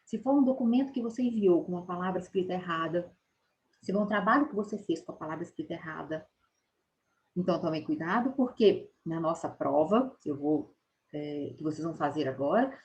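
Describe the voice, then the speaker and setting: A woman teacher explaining correct spelling in a recorded lesson, patiently, often checking in with a quick "tá?" and slowing down to stress key words. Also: fairly low pitch, lively intonation. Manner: explains patiently, ends phrases with "tá?".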